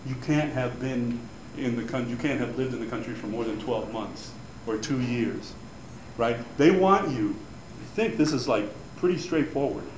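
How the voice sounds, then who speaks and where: At a moderate pace and medium pitch, a man born in Cuba, whose first language is Spanish, gives students an info session on a grant program. He's chatty and rambling, with plenty of fillers and restarts, speaking to an audience in an echoey room where faint background noise can be heard.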